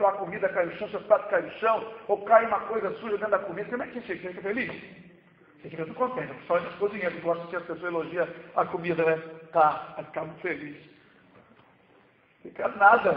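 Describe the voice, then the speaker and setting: A man preaching a sermon as pastor, emphatic, with swings between loud exclamations and quiet asides. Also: high-pitched. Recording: echoey hall, dull lo-fi sound.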